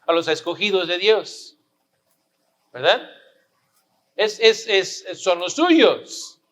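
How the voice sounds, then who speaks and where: A man's voice: high voice, lively intonation, drawn-out words, fairly bright tone. A pastor preaching a sermon, pressing his listeners with rhetorical questions and repeating his points for emphasis.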